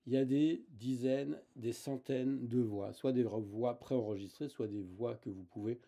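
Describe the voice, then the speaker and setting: A man's voice: mid-range voice, measured pace, vocal fry, dark tone, husky. A man hosting a casual tech tutorial, talking hesitantly with many fillers and restarts.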